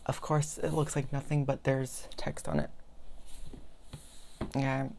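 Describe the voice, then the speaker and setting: Young woman, vlogger, very low voice, flat delivery, rambling, self-deprecating. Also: slow, slight background noise. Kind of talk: casual rambling product vlog.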